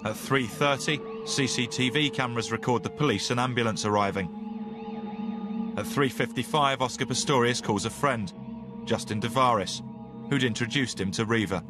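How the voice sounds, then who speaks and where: A man reads documentary narration in a measured, sombre tone. His voice sits at a middle pitch. Music plays clearly behind him. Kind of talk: scripted narration.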